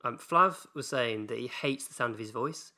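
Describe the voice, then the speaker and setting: A man's voice: mid-range voice, normal speed, bright, forceful tone. A man co-hosting a podcast over a video call. He talks earnestly and sounds playfully indignant. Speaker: podcast co-host. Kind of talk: casual chat. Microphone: remote video call.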